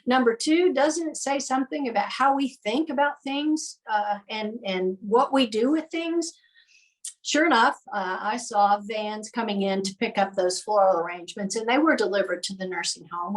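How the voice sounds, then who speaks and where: A woman, a nonprofit founder, telling lively anecdotes in casual conversation with many filler ums. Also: medium pitch, distant mic, low-quality recording. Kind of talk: conversational storytelling.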